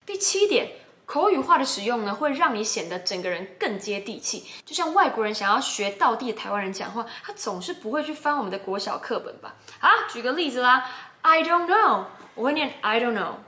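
A woman's voice: a little high, very animated, a little fast, pushed and bright. Taiwanese woman vlogger with a Taiwanese Mandarin accent, emphatic and upbeat in delivery, recorded in an echoey room. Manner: emphatic, chatty, encouraging. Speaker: YouTuber and English-language host. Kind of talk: casual talk to camera. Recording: roomy echo.

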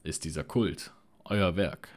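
Audiobook hero: a man doing a brash young prince, forceful shouts, deep low voice. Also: slow. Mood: defiant.

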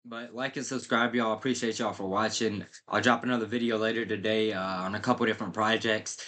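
A man's voice: fairly low pitch, steady tone, brisk, pushed and bright. A man giving a casual, rambling update to his viewers, with many fillers. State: has the hiccups. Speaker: crypto channel host.

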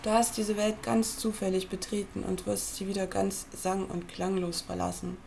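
A woman reading a book aloud at a computer, in a measured, earnest way, as if speaking straight to the listener. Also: mid-range voice, little pitch movement, creaky, darkish tone, slight background noise. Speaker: reader.

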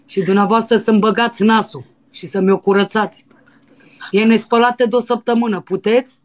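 A woman putting on a brazen, lustful young dancer in a prank phone call, pushy and breathy. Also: medium pitch, steady tone, natural voice. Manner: pushy and breathy, with crude demands. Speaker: prank caller.

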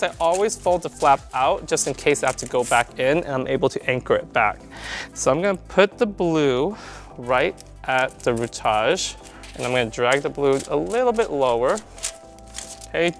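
Chatty man teaching hair color. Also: medium pitch. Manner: chatty, checks in with "right?" and "you guys". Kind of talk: salon hair-color tutorial.

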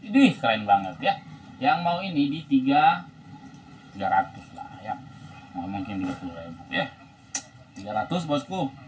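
A man in his thirties with a Sundanese accent, giving a casual, chatty market-hawker sales pitch full of repeated tags. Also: very animated, normal speed, pauses often. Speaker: second-hand bag seller. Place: indoors in a room piled with bags. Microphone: phone propped at about arm's length or further. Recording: noisy room, phone recording.

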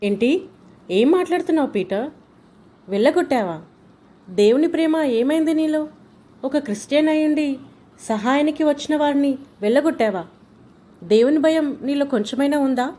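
A woman's voice: a little high, steady tone, normal speed, pauses often, mellow, close to an everyday voice. A woman playing a devout mother scolding her grown son with earnest, preachy warnings, in an amateur short drama. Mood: stern preaching.

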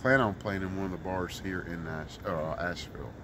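Middle-aged man from Mississippi, street musician, earnest and rambling; outdoor city park recording with clear street noise. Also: deep voice, fairly quick, bright, forceful tone. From Mississippi, US South. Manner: earnest, rambling, many fillers. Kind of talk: casual street interview.

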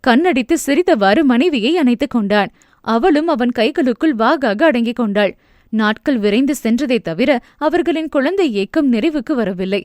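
A woman narrates a novel in a steady, storybook manner. Her voice sits on the higher side, and the recording is dry and close with no room sound. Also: normal speed, no room sound. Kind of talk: scripted narration.

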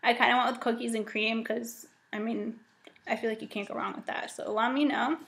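Young woman, casual vlogger, slightly high voice, upbeat and chatty, webcam at home. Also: fairly even intonation, a little fast, gravelly, fairly bright tone. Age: young adult. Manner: chatty, upbeat, frequent ums and likes. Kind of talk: casual grocery haul vlog. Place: home dining room indoors.

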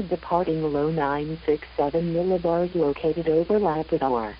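A woman reading a marine weather forecast in a measured, even announcer delivery over a VHF marine radio broadcast. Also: low voice, lo-fi sound, slight background noise.

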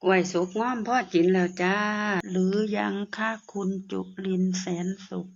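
A woman's voice: mid-range voice, fairly even intonation, moderate pace, gravelly, a little mellow. An older woman with a northeastern Thai Isan accent hosts a casual live stream, reading out viewers' names and comments and laughing often. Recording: dull lo-fi live-stream audio with faint noise.

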